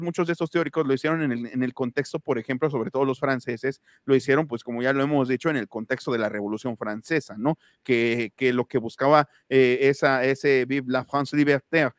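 A man with a Mexican accent giving political commentary on a panel show, speaking in a halting way with frequent restarts and repeated words. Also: mid-range voice, no echo, clean studio sound. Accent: Mexican Spanish.

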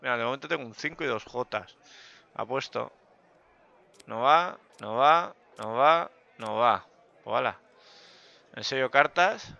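A man giving joking, self-mocking commentary over a poker game, with bursts of loud excitement. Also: mid-range voice, unhurried, gravelly, pauses often, no room sound, dull audio. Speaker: gaming youtuber.

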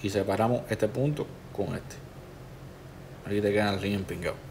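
Low-voiced man explaining steps. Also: a little fast, a little hiss or hum. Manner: relaxed, instructive, talks the viewer through each step. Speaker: tattoo artist teaching a digital stencil technique. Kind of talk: step-by-step tutorial narration.

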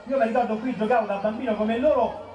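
A man's voice: extremely high pitch, steady tone, quick pace, muffled recording. A man in his forties with a Roman accent, doing rambling live stand-up cabaret on an outdoor piazza stage. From Rome. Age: 40s. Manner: chatty, rambling, filler-heavy. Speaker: cabaret comedian. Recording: echoey outdoor stage, far off, crowd.

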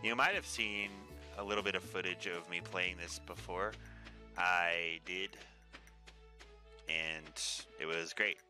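Over game music, a man in his thirties hosts a gaming video, rambling to himself with casual, joking commentary. His voice sits low and has a sharp tone.

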